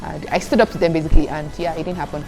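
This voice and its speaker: The recording is rough, with background music under the voice of a young Igbo-speaking Nigerian student vlogger answering questions. Her lowish voice is gravelly, rapid-fire and fairly even in intonation. She chats casually, addresses viewers as "guys" and giggles between answers.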